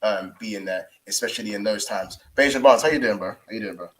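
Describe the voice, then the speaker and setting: A man's voice: lowish voice, brisk. A man hosting a casual livestream chat, informal and slangy, often repeating himself. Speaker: fan show host.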